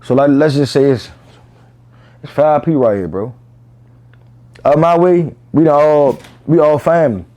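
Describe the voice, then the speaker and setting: A man's voice: on the high side, normal speed, pauses often, dark tone. A man speaking candidly in an interview about his own life, in casual, profane street slang peppered with "bro" and "you know what I'm saying". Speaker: interview guest.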